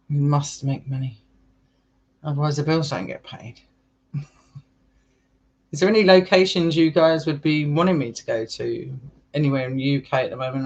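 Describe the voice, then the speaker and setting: A man's voice: mid-range voice, dull audio. A young English man with an English accent, a vlogger chatting casually with viewers in a rambling way and laughing often. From England. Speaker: urban exploring vlogger. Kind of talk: casual live chat with viewers.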